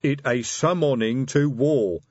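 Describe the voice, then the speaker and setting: A man voicing a big, slow, patient male troll sergeant in an audiobook, with a plodding delivery. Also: mid-range voice, a little mellow, dry recording, dull audio, voice pushed up, close to an everyday voice.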